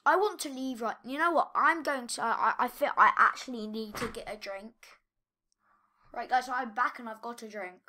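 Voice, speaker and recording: A woman's voice: on the high side, normal speed, bright, forceful tone. A woman hosting a casual reaction vlog, exclaiming and shrieking, easily spooked, with sighs between remarks. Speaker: reaction video host.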